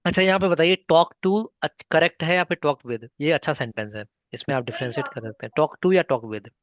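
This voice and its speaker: A man's voice: on the high side, moderate pace, no echo, highs cut off. A man teaching a spoken English class online, patiently mixing Hindi and English and coaxing learners by name.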